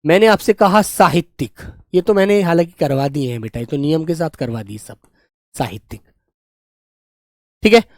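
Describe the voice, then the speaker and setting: A young man leads a live online Hindi spelling class. His voice sits high and light and sounds dry and close to the mic. He speaks to his students fondly, calling them his children, and drills each word with slow repetition. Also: dry recording. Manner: affectionate, calls students "beta" and "my children"; repeats and drills words slowly. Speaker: Hindi teacher.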